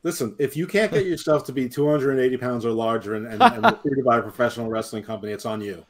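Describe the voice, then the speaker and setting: A man's voice: mid-range voice, big pitch swings, quick pace, crowd noise. A man co-hosting a wrestling podcast, making sarcastic wisecracks in casual chat. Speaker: podcast co-host.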